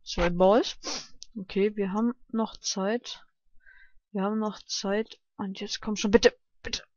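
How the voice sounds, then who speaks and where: A man commenting casually on a game he is playing, shouting and swearing when he fails and muttering quietly to calm himself down. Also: sits high, slow, dry recording, lo-fi sound. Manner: excitable, yelps and shouts at failures, swears. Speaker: let's play gamer.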